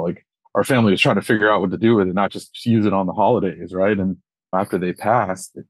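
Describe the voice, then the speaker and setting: A man's voice: low-pitched, slightly rough, no room sound. A man co-hosting a podcast, asking long, enthusiastic, rambling questions. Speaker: podcast co-host. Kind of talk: conversational interview.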